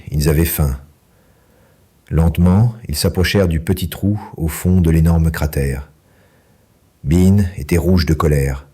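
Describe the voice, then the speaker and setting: A man reading a children's story aloud in French, lively and acting out the characters. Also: husky. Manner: lively, acts out each character with raised pitch. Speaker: audiobook narrator.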